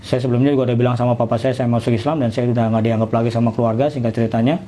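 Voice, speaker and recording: A middle-aged man tells his personal story in a casual, chatty way, voicing the other people in it. He talks quickly in a mellow, dark tone. Faint noise sits behind him. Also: medium pitch, fairly even intonation. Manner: informal storytelling, acting out dialogue. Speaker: convert telling his story.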